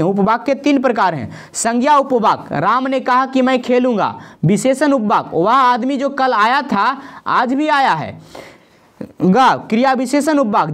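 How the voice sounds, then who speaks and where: Woman teacher, exam-prep grammar lesson, slightly high voice, rule then examples, checks in often. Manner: explains rules then lists short examples, checks with "ठीक है".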